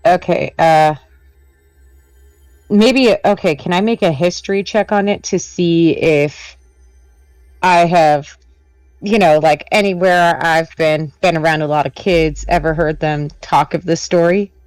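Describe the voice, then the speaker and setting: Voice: medium pitch, steady tone, a little slow, clear, resonant tone, dry recording, faint music behind, rough recording. A player in a tabletop game, asking about rolls in a hesitant way full of fillers. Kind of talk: casual tabletop game chat.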